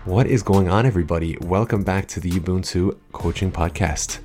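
A man's voice: low-pitched, brisk, darkish tone, soft background music. A man hosting a podcast, talking informally and chattily straight to his listeners into a good podcast microphone, drifting into tangents. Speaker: podcast host, coach. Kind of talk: casual solo podcast talk with scripted opening. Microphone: studio podcast microphone.

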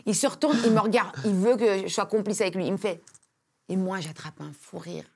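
A woman's voice: medium pitch, a little fast, gravelly, breathy edge. A woman from Belgium, a comedian, telling an anecdote as a podcast guest, acting out the people she quotes and often laughing. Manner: lively storyteller, acts out quotes, laughs often.

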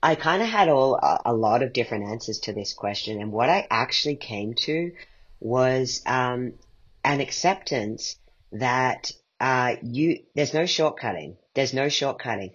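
In a dull, muffled lo-fi recording, a male interview guest who writes plays and creates podcasts thinks things through aloud, questioning himself along the way. His mid-range voice is expressive, a bit bright and slightly rough, with a measured pace.

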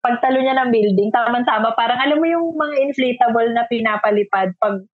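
A woman co-hosting a podcast in casual chat, talkative and quick to agree, mixing Tagalog and English. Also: on the high side. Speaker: podcast co-host. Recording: dull, muffled audio.

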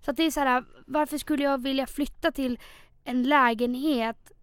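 A woman's voice: high voice, smooth, dry recording, clean studio sound. A 25-year-old woman chatting animatedly as a podcast co-host, often stumbling over her first words. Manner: animated, chatty, repeats words when starting. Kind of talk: casual chat.

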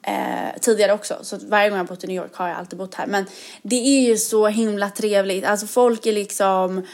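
A young woman, co-hosting a podcast in a lively, chatty way and mixing English words into her speech. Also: medium pitch. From Sweden. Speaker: podcast co-host. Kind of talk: casual chat.

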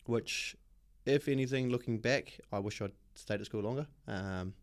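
A man's voice: mid-range voice, moderate pace. A man with a New Zealand accent, a podcast guest talking openly and reflectively about his life, with many ums. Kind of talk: personal storytelling in an interview.

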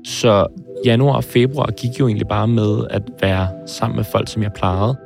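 A man in his twenties, speaking hesitantly and thoughtfully in an interview, often pausing and restarting. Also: fairly low pitch, creaky, music in the background. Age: 20s. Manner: hesitant, pauses and restarts, searching for words. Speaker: film director interviewed about his heart surgery. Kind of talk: reflective interview.

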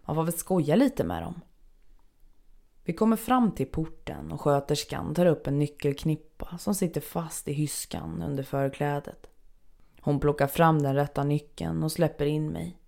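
A woman with a low, gravelly voice reads a first-person story aloud. Her delivery is measured and somber. She takes her time over each sentence. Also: warm tone. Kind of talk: first-person scripted narration.

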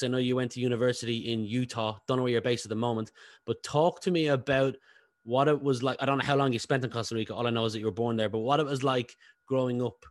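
A man hosting a business podcast, interviewing a guest in a quick, chatty way. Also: medium pitch, no echo. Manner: fast-talking, admits speaking fast. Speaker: podcast host. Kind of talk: casual interview.

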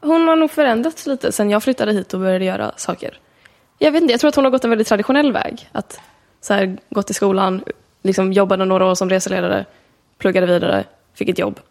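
A woman in her twenties, a podcast guest telling stories in casual chat with quick tangents. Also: mid-range voice, creaky, darkish tone. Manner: chatty storyteller, quick tangents.

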